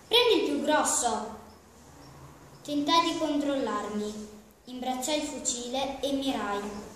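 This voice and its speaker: High-voiced female storyteller, slow and gentle, recorded in a very echoey room. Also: a little hiss or hum. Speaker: reader. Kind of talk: storybook reading aloud.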